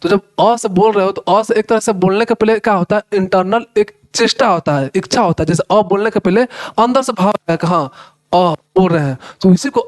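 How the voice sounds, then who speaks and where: A man with a fairly high voice gives a relaxed classroom-style lesson. He talks straight to his students and sounds out letters one by one. He keeps coming back with little check-ins as he explains. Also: a little fast. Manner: repeats "है ना" and "भाई साहब", sounds out letters; conversational, addresses students directly. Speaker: teacher. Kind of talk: casual Hinglish lecture.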